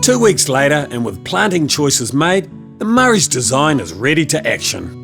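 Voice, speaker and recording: A man's voice: fairly high pitch, big pitch swings, normal speed, creaky. A man reading scripted narration for a home renovation programme. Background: guitar music.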